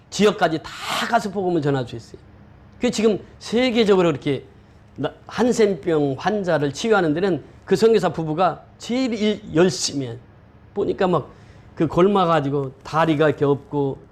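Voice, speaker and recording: A man's voice: high voice, darkish tone. A male pastor preaching a sermon, often quizzing the congregation with questions.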